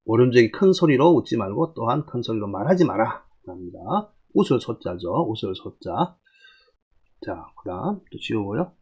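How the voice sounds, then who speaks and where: A middle-aged male teacher lecturing on old characters, his husky voice rising and falling widely as he explains. He keeps prompting listeners with rhetorical questions and steady explanatory asides. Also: fairly low pitch, moderate pace, highs cut off. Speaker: classical Chinese teacher. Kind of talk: lecture on classical texts.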